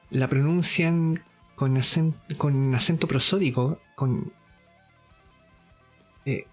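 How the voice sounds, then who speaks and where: A man giving a spoken lesson, explaining step by step, often pausing on fillers, repeating himself and checking that listeners follow. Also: on the high side. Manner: deliberate, explaining step by step with frequent checks for understanding; hesitant fillers and self-repeats. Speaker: course teacher.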